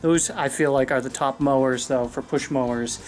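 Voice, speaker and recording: A man's voice: mid-range voice, steady tone, normal speed, faint music behind. A man giving a casual, rambling mower review outdoors, out of breath and talking with many fillers. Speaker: lawn care video host. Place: outdoors on a lawn.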